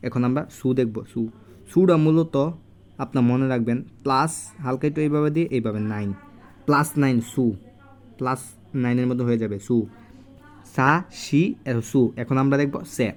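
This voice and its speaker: A man giving a casual handwriting lesson at home, recorded on a phone, slowly repeating each syllable as he writes. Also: mid-range voice, a little mellow. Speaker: language teacher. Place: home room.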